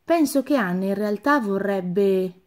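A woman voicing a kind, friendly young man in a children's storybook reading, speaking gently and plainly. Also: medium pitch, expressive, a little slow, lightly acted. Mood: gentle.

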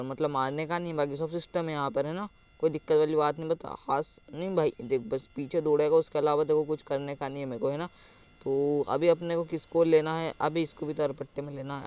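A young man giving live gameplay commentary as a gaming channel host, excitable, taunting and yelling at enemies. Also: fairly high pitch, clean tone. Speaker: gaming YouTuber.

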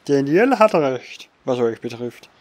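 A man reads aloud for a pirate game, voicing a smooth, guarded male informant with animated delivery. His voice is mid-range and a little slow.

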